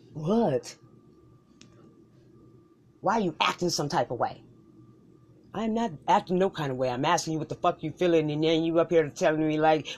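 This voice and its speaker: Low-voiced woman in a heated comic squabble. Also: a little mellow. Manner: heated, profane back-and-forth bickering.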